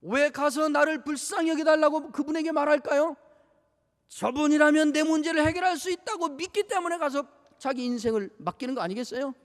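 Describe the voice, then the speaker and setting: A man's voice: very high voice, brisk. A male pastor preaching a sermon, acting out scripture scenes and asking the congregation many rhetorical questions. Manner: dramatizes scripture, acting out rebukes and pleas. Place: church sanctuary. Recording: long church hall reverb.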